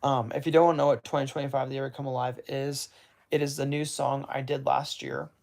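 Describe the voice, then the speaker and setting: A man's voice: mid-range voice, flat delivery, brisk, vocal fry, a little mellow. A man hosting a casual livestream, rambling and correcting himself as he reacts to chat. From United States. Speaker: livestream host.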